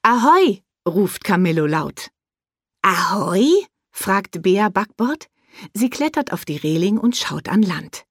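A woman narrating a children's storybook in an expressive, lively way. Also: on the low side, unhurried, no echo, studio quality.

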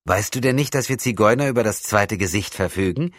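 A cheeky, wary lad, barely more than a boy, teasing with a raised, boyish pitch, as a male audiobook reader puts him on. He stays guarded and a little mocking. The sound is dry and close, as in a storybook recording. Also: a little fast, no echo, natural voice.

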